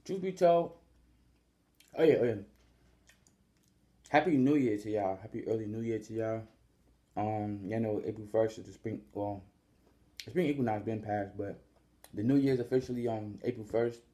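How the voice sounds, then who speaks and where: A man's voice: medium pitch, mellow. A young man hosting his own vlog, chatting casually and slangily to viewers, repeating and drawing out words as he explains things. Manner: laid-back, repetitive, slangy, drawn-out spelling of his name. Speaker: vlogger, channel host. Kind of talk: casual direct-to-camera chat.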